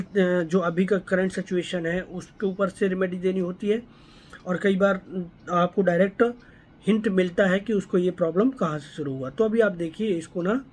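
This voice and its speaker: A homeopathy doctor with a high-pitched, somewhat dark male voice explains a patient case to students. He keeps checking in to make sure his listeners are following along.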